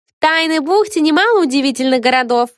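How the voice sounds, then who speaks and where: A woman reading an audiobook, voicing a bored teenage girl museum guide who talks in a flat, bored way. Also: high-pitched, quick pace, no echo, studio quality, voice pushed up. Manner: flat and bored, sometimes scolding.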